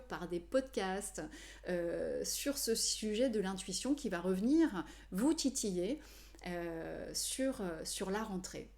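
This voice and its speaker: A woman numerology coach explaining to viewers in a measured way, with frequent hesitations. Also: on the high side, a little mellow. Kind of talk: explanatory video talk to viewers.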